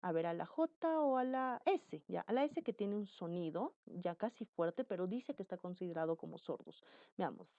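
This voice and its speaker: A woman's voice: lowish voice, animated, no room sound, dull audio. Woman teaching a phonetics lesson. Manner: repeats example words slowly, addresses viewer directly.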